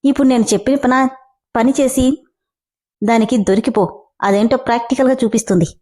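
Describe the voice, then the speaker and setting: A woman's voice: fairly high pitch, brisk, a little mellow, lightly acted. A woman reading the lines of a playful young man who runs a company and teases his employee. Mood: teasing. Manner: teasing, joking.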